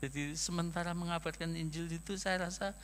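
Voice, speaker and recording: A man's voice: fairly high pitch, fairly even intonation, brisk, fairly bright tone, a little hiss or hum. An older man with a Javanese accent, a pastor telling a story in a chatty, rambling sermon that keeps trailing off on fillers. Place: church hall. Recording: long church hall reverb.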